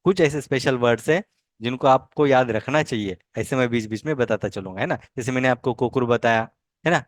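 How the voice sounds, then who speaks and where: A male language teacher leading a pronunciation lesson, repeating each word slowly several times and then explaining patiently. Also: medium pitch, dry recording, clean studio sound.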